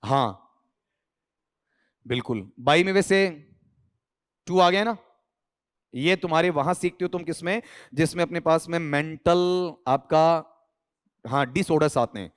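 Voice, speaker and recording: A man's voice: fairly high pitch, unhurried, pauses often. A male English teacher from India going through an exam answer key, quizzing students with constant questions and spelling words letter by letter.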